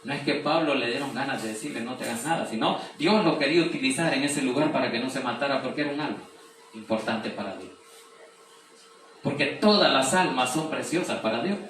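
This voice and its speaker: A pastor with a medium-pitched, fairly bright voice preaches a sermon fairly quickly, explaining scripture, reading verses aloud, and posing rhetorical questions. The room is very echoey, with a distant mic and faint noise.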